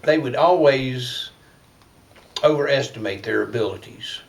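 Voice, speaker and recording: A man's voice: mid-range voice, unhurried, vocal fry, slight background noise. An older man with an Appalachian Southern accent, reminiscing in casual conversation. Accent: Appalachian Southern American. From North Carolina, United States. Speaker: storyteller sharing family memories. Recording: voice distant from the microphone.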